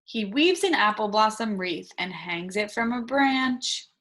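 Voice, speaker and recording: Speaking at a medium pitch with lively intonation and a slightly bright tone, a woman teacher leads an interactive read-aloud for young children. She keeps her sentences short and simple, prompts with questions, and slows down to stress key words as she instructs.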